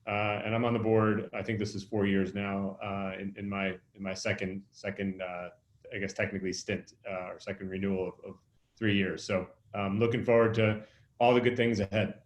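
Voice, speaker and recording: A man in his forties introducing himself as a board member on a conference call. He talks haltingly, with many fillers and restarts, and his call audio cuts out at times. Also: fairly low pitch, little pitch movement. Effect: conference call audio, cutting out at times. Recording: echoey room over a conference call line.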